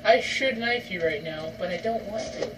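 Brief: lively-voiced gamer host, slow and drawn out, loud noisy background, far from the mic. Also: mid-range voice. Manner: excitable, joking, bursts into yells and laughter. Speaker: gaming channel host. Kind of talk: casual gameplay commentary.

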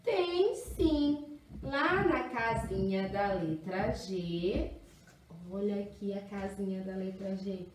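A woman's voice: mid-range voice, takes it slowly, a little hiss or hum. Woman, kindergarten teacher, exaggerated singsong delivery, echoey distant room recording. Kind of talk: children's phonics lesson.

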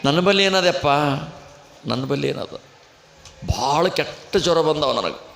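Man playing a begging village woman, North Karnataka accent, keeps saying "yappa", bright tone, echoey PA. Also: fairly high pitch, lively intonation, moderate pace. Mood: desperate. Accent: North Karnataka Kannada. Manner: beseeching, repeats "yappa". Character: pleading devout village woman. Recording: echoey festival PA, faint noise.

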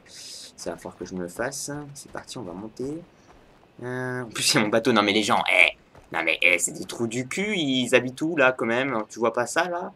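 A man giving excitable gaming commentary, talking to his viewers and bursting into yelps and laughter. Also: medium pitch, a little hiss or hum. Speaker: gaming YouTuber.

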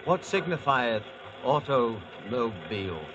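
Grand, lively King Arthur. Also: mid-range voice, takes it slowly. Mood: puzzled. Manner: theatrical archaic diction, pompous, wondering. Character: grand, naive, eager medieval King Arthur. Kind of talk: 1940s radio acting. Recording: dull, noisy old radio recording.

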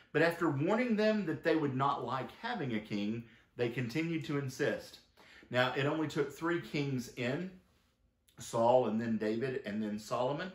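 A man's voice: mid-range voice, roomy sound. A man, the pastor, preaching a sermon and reading long quoted passages from a book aloud. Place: church sanctuary.

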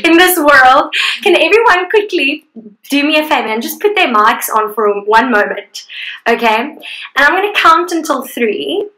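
Young woman art teacher, bright high voice, chatty and upbeat, echoey room. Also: lively intonation, normal speed. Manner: chatty and upbeat, laughs often. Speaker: art instructor. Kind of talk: live guided painting class.

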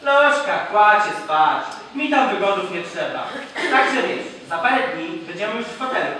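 A man's voice: high-pitched, lively intonation, moderate pace, sharp tone, a little hiss or hum. A teenage boy playing a coarse, grumpy rural husband in a school stage comedy sketch, teasing his wife in crude slang. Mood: mocking. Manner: gruff, mocking, crude slang. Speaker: student actor in a school cabaret sketch. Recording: distant, echoey hall with audience. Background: audience laughter.

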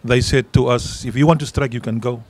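Speaking into a handheld mic at an outdoor garden event, a middle-aged South African union leader with an Afrikaans accent answers interview questions earnestly, repeating words for emphasis. His mid-range voice is fairly even and fairly quick, with no echo.

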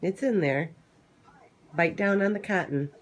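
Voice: mid-range voice, measured pace. A companion behind the phone, chatting casually and prodding with simple teasing questions. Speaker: companion filming a recovering patient.

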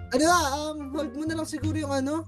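A high-voiced woman laughing and guiding her friends through a horror game in casual chat. Game music plays clearly under her voice. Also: steady tone, quick pace. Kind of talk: casual multiplayer gaming chat.

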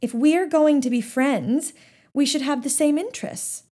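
A woman's voice: high-pitched, unhurried, darkish tone. Woman narrating a storybook. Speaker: audiobook narrator. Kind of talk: first-person storybook narration.

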